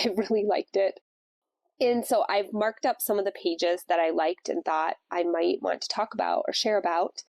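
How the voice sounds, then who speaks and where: Stuffy with a cold, a woman hosts a podcast of casual devotional talk, reflecting conversationally on faith. Her voice is on the low side and a little mellow, and the recording is dry.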